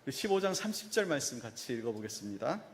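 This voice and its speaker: A man, a pastor, preaching a sermon. He asks the congregation questions and answers them himself, and gently acts out a father's words to his son. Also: mid-range voice, very animated, fast talker, big-room sound. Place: church sanctuary.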